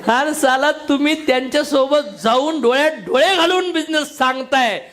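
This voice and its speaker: This is a man with a very high voice at normal speed, addressing a live audience at a motivational business seminar. Blunt, slangy and jokey, he keeps throwing questions at the people listening.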